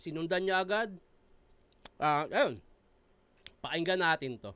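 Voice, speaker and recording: A man with a Filipino accent hosting a reaction video, talking casually, swearing freely and breaking into excited shouts. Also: fairly high pitch, unhurried.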